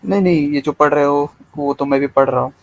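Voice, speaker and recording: A man who is a guest in an online debate, calm and questioning. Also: a little high, fairly quick, vocal fry.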